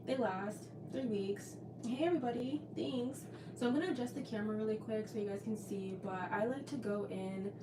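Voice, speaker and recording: A woman chatting casually as a nail technician giving a live tutorial. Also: mid-range voice. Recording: clearly noisy background.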